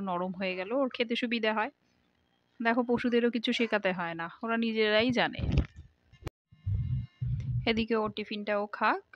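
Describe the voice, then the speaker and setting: A middle-aged woman talks easily and warmly to her viewers as she works in her kitchen. Her voice sits at an ordinary pitch and is recorded dry and close, with little room sound. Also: dry recording, lo-fi sound. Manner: chatty, homely, addresses viewers directly. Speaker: vlogger. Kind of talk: casual home vlog narration. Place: home kitchen.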